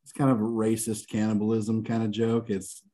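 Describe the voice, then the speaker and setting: Relaxed man host on a video call. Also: lowish voice, normal speed. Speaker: podcast host. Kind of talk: casual chat.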